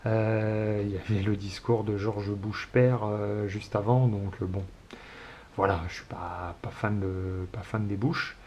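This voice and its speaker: A man's voice: on the low side, flat delivery, unhurried, darkish tone. A man in his forties from France, hosting a casual solo chat show, rambling with many hesitations in a fond, nostalgic way. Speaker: show host. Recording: dull home recording with faint hiss.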